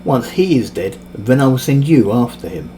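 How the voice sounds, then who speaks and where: A man's voice: mid-range voice, lively intonation, normal speed, dark tone, slight background noise, lightly acted. A man voicing a smug, overpowered male villain mage who taunts his victims with casual cruelty. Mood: gloating. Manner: mocking, cocksure, casually cruel.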